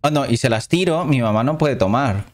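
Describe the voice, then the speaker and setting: A man's voice: medium pitch, lively intonation, a little fast. A man commentating a horror game as he plays, reading the game's dialogue aloud between casual reactions. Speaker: gameplay commentator. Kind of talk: let's play commentary.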